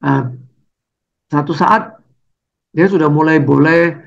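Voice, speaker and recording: Slow chatty preacher, lots of little "ya"s, muffled lo-fi sound. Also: creaky. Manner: slow, conversational, with frequent tag words and dramatic pitch jumps. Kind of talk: storytelling sermon. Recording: dull lo-fi recording.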